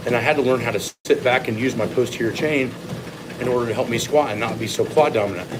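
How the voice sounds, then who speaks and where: This fast-talking man, medium in pitch, is a strength coach and ex-competitive lifter giving an off-the-cuff monologue about training. He's blunt and full of opinions, swearing now and then, and background noise can be heard.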